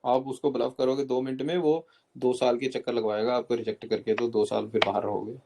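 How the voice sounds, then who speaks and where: A man's voice: mid-range voice, little pitch movement, a little fast, vocal fry, noisy background. A man coaching students for a job interview, explaining step by step, mixing English terms into Hindi and often checking in with "okay?".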